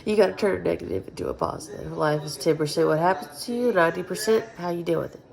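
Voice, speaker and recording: A Southern US woman with a lowish, vocal-fried voice talks very fast and animatedly to camera in her home kitchen, crowd noise behind her. She's a homesteading vlogger, congested and nasal from sinus trouble, chatting bluntly with swearing and dry humor.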